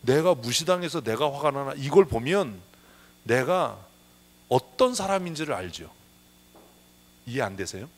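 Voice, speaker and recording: A man's voice: medium pitch, big pitch swings, a little slow, long pauses. A man preaching a sermon as pastor, emphatic, often asking rhetorical questions. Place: church sanctuary.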